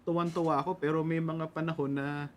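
A man's voice: a little high, little pitch movement, fairly quick, slight background noise. Earnest Filipino man preaching devotionally. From Philippines. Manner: earnest, mixes Tagalog and English, polite "po". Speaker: radio pastor. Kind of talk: devotional sermon.

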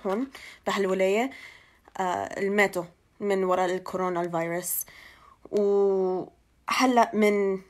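A young woman from Ohio speaks hesitant Levantine Arabic with an American English accent, giving an informal news update and mixing in English terms. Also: mid-range voice. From Ohio, United States. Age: young adult. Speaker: local TV channel presenter. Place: small indoor room. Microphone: phone at arm's length.

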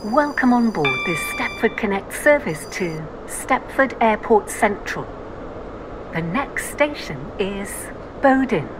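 A woman giving a recorded onboard train announcement in a polite, measured announcer delivery. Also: mid-range voice, very animated, noisy background. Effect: automated onboard train announcement.

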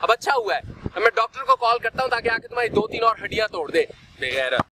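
Brief: man as a strict, sarcastic sketch dad, loud, highish voice, echoey room. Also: normal speed, recorded from a distance, background noise, natural voice. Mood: scolding. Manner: loud, sarcastic, insulting scolding. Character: strict, angry middle-aged father. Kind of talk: comedy sketch.

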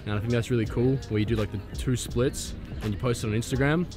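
Casual photography vlogger, young man, middle pitch, swears a lot, camera at arm's length, music under the voice. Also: quick pace. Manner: laid-back, swears freely, excitable. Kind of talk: casual vlog. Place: outdoors in a city and on a rooftop terrace. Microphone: handheld camera at arm's length.

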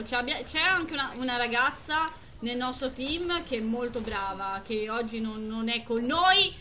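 A young woman streaming a game live, chatting with viewers and exclaiming excitedly over the action. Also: sits high, a little hiss or hum. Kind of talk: live gameplay commentary.

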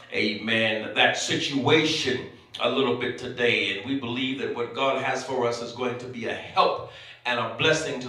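A man's voice: medium pitch, pushed and bright. Man preaching at a pulpit microphone. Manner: punctuates phrases with frequent amens. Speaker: bishop preaching. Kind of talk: sermon. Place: church sanctuary. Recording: echoey church sanctuary, mic at a distance.

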